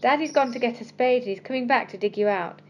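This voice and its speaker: A woman voicing an eager, excited little boy who calls out in a high, urgent voice. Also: normal speed, muffled recording, a little hiss or hum, close to an everyday voice. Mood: soothing.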